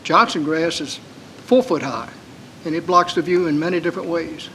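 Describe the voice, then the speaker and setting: A man's voice: a little high, fairly even intonation, moderate pace, sharp tone, slight background noise, low-quality recording. A man, a county supervisor pressing his point at a public meeting in an earnest, folksy way.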